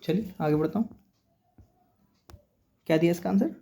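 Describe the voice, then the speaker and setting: This teacher's high voice is gravelly yet mellow, at normal speed. Preparing students for competitive exams, he explains English words patiently, spells some letter by letter, and frequently checks in with "okay" during the vocabulary and grammar lesson.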